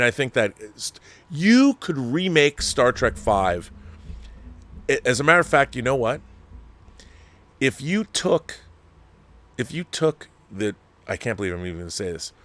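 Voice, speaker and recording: This is the host of a film discussion show, a man whose voice sits at medium pitch with a touch of brightness. Reading viewer letters and offering casual, opinionated takes, he rambles emphatically and keeps breaking off mid-thought to put things another way.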